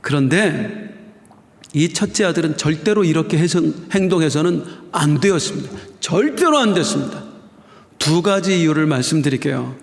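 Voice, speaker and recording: A man's voice: on the high side, expressive, moderate pace. A male pastor preaching a dramatic sermon to his congregation in a church. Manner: dramatic, rising and falling, addresses the congregation. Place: church sanctuary. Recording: echoey hall.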